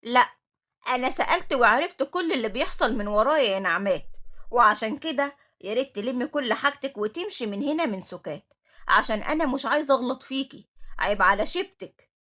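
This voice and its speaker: A woman's voice: fairly high pitch, lively intonation, fast talker, fairly bright tone, husky. A woman with an Egyptian accent reading the part of a stern, motherly older woman who runs an orphanage, firm and scolding. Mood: angry.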